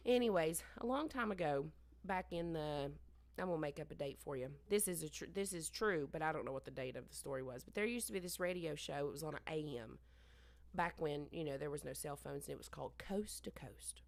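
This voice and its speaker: A woman chats and tells a story as a podcast co-host, rambling and interrupting herself as she goes. Her voice sits low for a woman. The sound is dry and close to the mic. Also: animated, fairly quick, no room sound. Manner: rambling, self-interrupting, trails off. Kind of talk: casual chat, storytelling. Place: basement room used as bar and storage.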